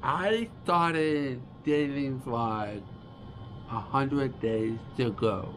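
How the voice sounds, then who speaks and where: Slow-talking deaf man in his forties. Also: mid-range voice, noisy background. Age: 40s. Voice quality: deaf speaker's speech. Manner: slow, halting speech with restarts and signing hands. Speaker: vlogger. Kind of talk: casual vlog talk to camera. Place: small dim room with a starry backdrop. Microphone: camera close in front of face.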